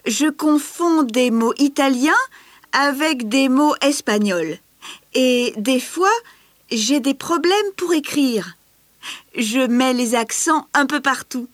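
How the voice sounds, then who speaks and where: A lively trilingual schoolgirl with acting dreams. Her voice is high and youthful, yet each phrase comes slowly and clearly. The sound is dry, with a close studio mic. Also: no room sound, heavily acted. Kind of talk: scripted language-course recording.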